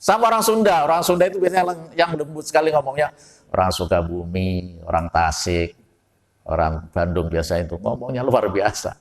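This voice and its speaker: A man's voice: fairly low pitch, expressive, a little fast, big-room sound. A Javanese man preaching a folksy study sermon to his congregation, often putting questions to the audience. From Java. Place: mosque hall.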